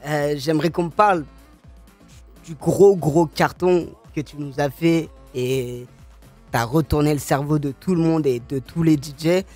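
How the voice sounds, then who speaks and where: Fairly high-voiced young radio host. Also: male voice, measured pace, a little mellow, faint music behind. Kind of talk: casual interview questions. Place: radio studio. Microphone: studio mic with headphones.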